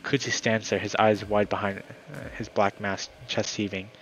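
Low-voiced man reading a story aloud. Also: flat delivery, moderate pace, a bit bright, faint music behind, poor audio. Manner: dramatic story reading with casual asides. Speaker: gaming YouTuber. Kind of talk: reading a visual novel aloud.

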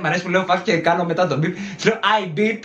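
A man telling a dramatic story time to his viewers in a casual, animated way, acting out the lines of the people in it. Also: high voice, lo-fi sound, loud music behind the voice. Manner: animated, dramatic retelling with acted-out quotes. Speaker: storytelling vlogger. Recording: roomy echoey room.

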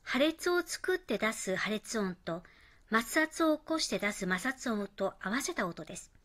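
A woman narrating a scripted pronunciation lesson, modelling English phrases slowly and carefully. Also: a little high, sing-song, a bit bright.

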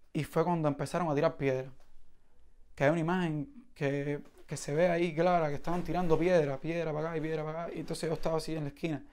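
A man from Cuba with a Cuban accent, giving spoken testimony in an animated storytelling way, with frequent restarts and imitated sounds. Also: fairly high pitch, clear, resonant tone. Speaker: protest participant giving testimony.

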